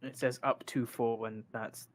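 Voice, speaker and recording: A man's voice: mid-range voice, level tone, a little slow. A man running a tabletop game as game master, thinking aloud over the rules with plenty of "uh"s. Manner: thinks aloud while reading rules, many fillers.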